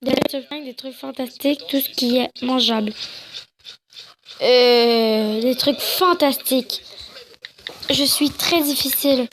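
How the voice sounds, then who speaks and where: A young woman with a high voice reads game dialogue aloud in a slow, unhurried way. She keeps it casual and jokey, slipping in crude asides and giggles. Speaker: gamer.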